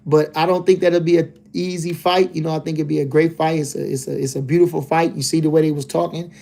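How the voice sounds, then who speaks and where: Casting note: male streamer, slightly higher voice, loose rambling fight talk. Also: flat delivery, fast, vocal fry, warm tone. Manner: laid-back, loose and rambling, lots of "you know what I'm saying". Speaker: livestream host, boxing commentator. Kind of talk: casual livestream chat reading comments.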